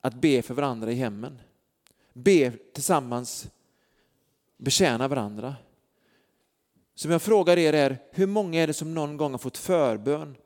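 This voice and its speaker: A man's voice: medium pitch, a little mellow. A man preaching a sermon, telling stories earnestly with lots of fillers. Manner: earnest storytelling with many fillers. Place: church hall. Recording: long church hall reverb.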